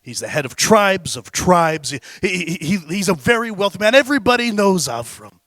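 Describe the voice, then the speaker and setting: Male public speaker, dramatic storyteller, loud-to-hushed, slightly high, dry close sound. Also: big pitch swings, moderate pace, no room sound. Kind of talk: storytelling speech on stage.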